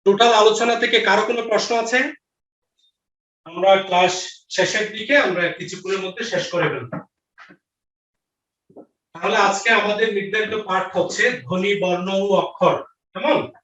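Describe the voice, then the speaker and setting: A man with a high, slightly bright voice and fairly even intonation gives an online grammar lecture at normal speed with long pauses, repeating each question and answer and checking in with his students. The lo-fi audio is roomy, distant, and dull.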